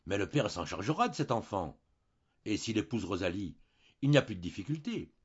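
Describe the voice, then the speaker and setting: A man's voice: lowish voice, big pitch swings, fairly quick, slightly rough. A man voicing a young wife, earnest and stubborn, pleading and insistent, on a dull lo-fi recording.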